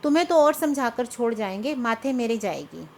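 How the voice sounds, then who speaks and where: A woman's voice: on the high side, animated, moderate pace, a little mellow, slight background noise. A woman voicing a timid, cowardly young husband who pleads and frets. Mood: pleading. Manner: pleading, fretful.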